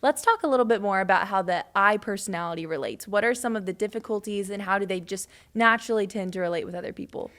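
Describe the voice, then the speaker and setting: A woman's voice: medium pitch, fast, hardly any pauses, fairly bright tone. A woman co-hosting a ministry podcast, explaining things conversationally. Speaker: podcast co-host. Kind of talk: casual ministry podcast discussion.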